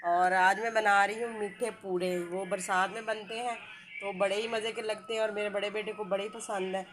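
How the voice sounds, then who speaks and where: A woman's voice: mid-range voice, steady tone, normal speed, background noise. A middle-aged woman with a Pakistani Urdu accent, chatting through a home cooking tutorial with homely, rambling asides. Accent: Pakistani Urdu, village Saraiki-like dialect. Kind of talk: casual cooking tutorial chat.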